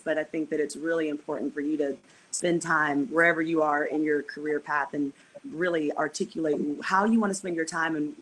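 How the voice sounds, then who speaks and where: Earnest low-voiced woman giving advice. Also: low-quality recording. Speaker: panel guest. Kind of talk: casual panel talk.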